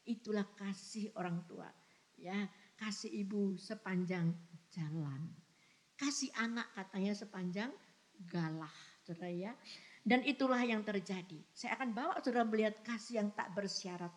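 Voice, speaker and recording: A woman's voice: mid-range voice, moderate pace. A woman pastor delivering a sermon in church, with emphatic preaching, rhetorical questions and frequent direct address to the congregation. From Indonesia.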